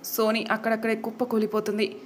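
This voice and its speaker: A woman storyteller narrates a dramatic family story. Her delivery is brisk, with a slightly high voice. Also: completely flat delivery, a little hiss or hum.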